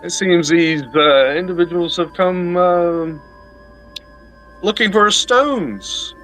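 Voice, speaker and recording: A man voicing a timid little male servant for a tabletop game, squeaky and pixie-like, with a hesitant stammer. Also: slow, a bit bright, faint music behind. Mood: nervous, flustered.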